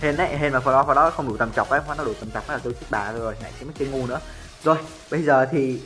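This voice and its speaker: Excitable gamer guy. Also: medium pitch, racing. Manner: chatty, jumps to excited yelling in fights; self-mocking, cursing banter. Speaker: gameplay streamer. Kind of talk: live gameplay commentary. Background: faint background music.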